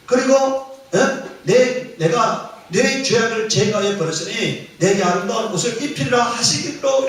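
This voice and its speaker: High-voiced preaching man in an echoey hall. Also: fairly bright tone. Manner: call-and-response questioning of the congregation; emphatic, repeating key phrases. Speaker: pastor. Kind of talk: sermon. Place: church sanctuary. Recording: very echoey church hall, mic at a distance.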